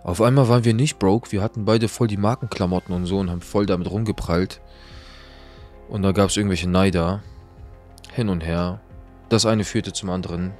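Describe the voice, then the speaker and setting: A young man telling a story in a casual, slangy monologue, swinging between loud outbursts and hushed asides. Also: sits low, fairly even intonation, moderate pace, soft background music.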